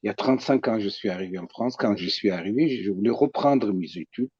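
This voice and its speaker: A middle-aged man tells a personal story. His speech is halting and earnest, and his voice sits rather low. The audio is dry and dull, with a lo-fi sound. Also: a little mellow, husky, dry recording. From Iraqi Kurdistan. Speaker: psychoanalyst, participant. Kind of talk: personal testimony.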